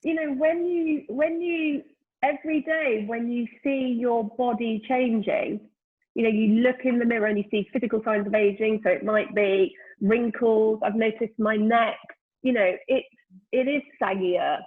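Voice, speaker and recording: A woman's voice: a little high, fairly even intonation, a little slow, slightly rough. A woman in her fifties, a guest in a casual interview, talks thoughtfully and often searches for words with "you know.". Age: 50s. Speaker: guest, brand founder. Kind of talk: reflective casual conversation. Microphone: remote call during lockdown. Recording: tinny phone-like call line.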